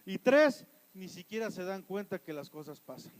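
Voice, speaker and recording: A Mexican pastor preaching a sermon in church, asking the congregation questions and answering them, shifting between loud emphatic lines and quiet asides. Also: male voice, high-pitched, big pitch swings, normal speed, rough recording. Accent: Mexican Spanish.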